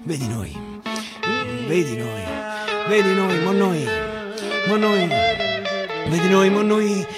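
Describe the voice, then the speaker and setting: An actor on the radio recites dialect verse with drama, his high voice unhurried as he muses and repeats phrases for emphasis. He's in a radio studio, and guitar accompanies him the whole way through.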